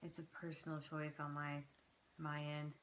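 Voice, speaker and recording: Woman in her late twenties, somewhat low voice, relaxed casual chat, echoey room. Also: normal speed. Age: 20s. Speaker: vlogger. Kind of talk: casual home vlog chat.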